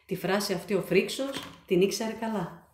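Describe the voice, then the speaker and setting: A woman reading her children's book aloud, with animated, expressive storytelling. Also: medium pitch, a little hiss or hum. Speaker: storyteller and author. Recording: echoey room.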